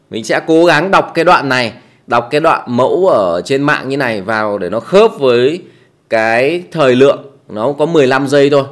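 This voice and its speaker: A man giving a casual how-to tutorial in a small quiet room, chatty, with many fillers and repeated tag words. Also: medium pitch. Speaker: tutorial host.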